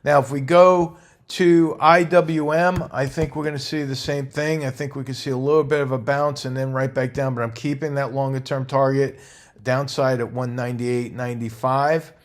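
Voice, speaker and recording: A man hosting a midweek stock market report, walking through charts in a measured, instructive way and stressing key price levels. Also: mid-range voice, little pitch movement. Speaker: market analyst host.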